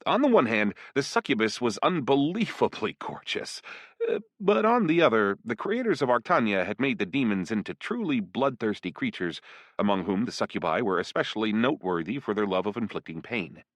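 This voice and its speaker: A man narrates a first-person fantasy audiobook with a lower voice that swings widely in pitch. The sound is close and dry, with no room echo. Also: sing-song, fairly quick.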